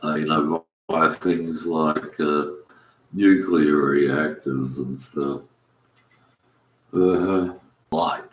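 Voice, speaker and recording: Man, deep bass, slow halting monologue, roomy echo. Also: fairly even intonation. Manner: halting, many fillers and restarts. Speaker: commentator. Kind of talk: rambling spoken monologue. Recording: echoey room.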